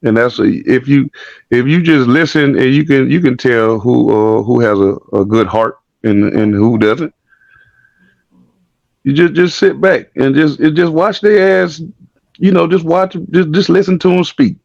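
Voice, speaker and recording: A man's voice: mid-range voice, measured pace, creaky, a little mellow, no echo, highs cut off. A man in casual online talk, blunt and profane, who often repeats words and restarts his sentences. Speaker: online talk show guest. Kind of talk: casual chat.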